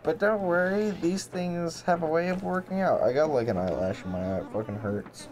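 A man's voice: a little high, lively intonation, moderate pace, darkish tone, a little hiss or hum, close to an everyday voice. Man voicing a chummy chatty cat traveler. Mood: rambling. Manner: nosy, chummy small talk. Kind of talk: voicing game dialogue aloud.

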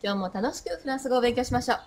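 A woman giving a short French pronunciation lesson, modelling sounds slowly and repeating them with lively emphasis. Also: a little high. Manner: lively, drawn-out pronunciation demos. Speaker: French teacher.

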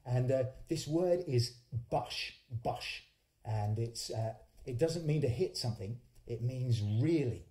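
A singer-songwriter in his forties with a warm, expressive, medium-pitched voice speaks slowly as he hosts and tells casual stories between songs, his phrasing hesitant and often restarting. He's indoors in a small home studio, using a studio condenser microphone on a stand, and the livestream sounds roomy and echoing.

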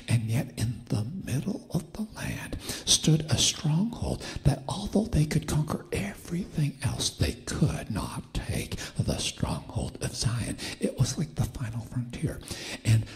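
A man's voice: medium pitch, wildly swooping pitch, a little slow, a little mellow. A man preaching a sermon in a church sanctuary with an impaired, whispery voice, building to emphatic fervor. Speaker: guest preacher.

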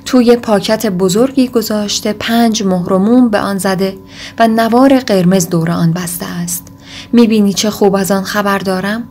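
A woman's voice: mid-range voice, a little mellow, natural voice. A woman reading a brooding desperate young man. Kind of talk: audiobook reading.

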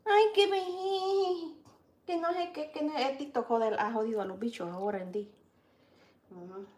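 A Salvadoran woman chats and teases as she cooks, now and then calling out her dishes like a street vendor. Her voice sits a bit high. The kitchen is echoey, and dishes and pans clatter in the background. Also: steady tone, moderate pace, a little mellow. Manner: chatty, teasing, calls out dishes like a street vendor. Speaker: cooking show host. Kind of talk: casual cooking chat.

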